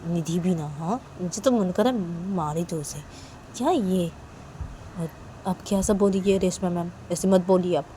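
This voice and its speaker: A woman's voice: on the low side, moderate pace, dark tone, a little hiss or hum, natural voice. A woman voicing a tender young woman who soothes her partner with many little questions. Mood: reassuring.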